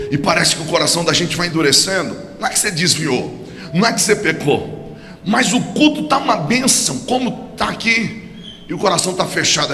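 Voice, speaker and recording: A Brazilian pastor delivering a fervent sermon, his voice pitched high for a man. It rings through a large church hall with a long echo, and music plays clearly beneath him. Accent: Brazilian Portuguese. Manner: fervent preaching, building to shouts. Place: church service.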